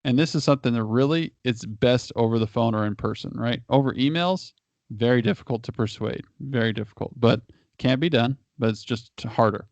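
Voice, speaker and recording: A man's voice: medium pitch, fairly quick, a little mellow, no echo. A married man, a guest, giving casual advice in a long explanation, often restarting and repeating his words. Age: adult, married. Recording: dry, dull lo-fi audio.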